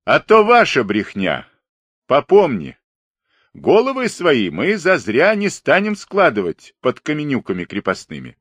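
A man voicing a defiant Cossack centurion who shouts hoarsely and mockingly. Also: on the high side, huge pitch swings, a little slow, no echo, pitched above the performer's own voice, full character voice. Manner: mocking, scornful.

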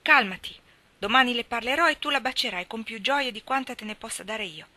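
A woman reading the part of a plain young country girl who speaks softly and gently. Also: medium pitch, normal speed. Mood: agitated. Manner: soft, gentle, caressing.

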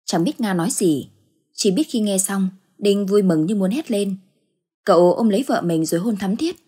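A woman narrating a ghost story in a steady, measured storytelling manner. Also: mid-range voice, breathy edge.

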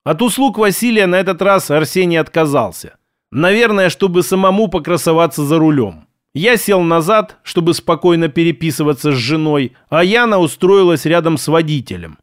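A man narrates a first-person story in a somewhat high, even voice. The sound is close and dry, with no room around it. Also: normal speed, dry recording.

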